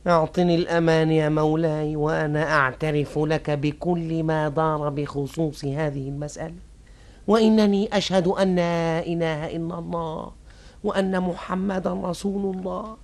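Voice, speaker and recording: A man's voice: a little high, fairly even intonation, close to an everyday voice. An actor playing a captured goldsmith courier in a classical Arabic historical drama, deferential and pleading as he speaks to his master. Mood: submissive confession. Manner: deferential, deliberate.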